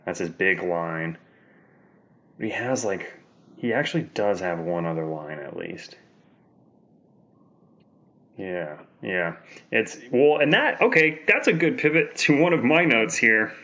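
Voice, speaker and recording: A man's voice: lowish voice, sing-song, unhurried, long pauses, sharp tone, muffled recording. A man co-hosting a podcast in casual chat, rambling and joking with lots of restarts. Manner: rambling, many restarts, jokey. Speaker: podcast co-host.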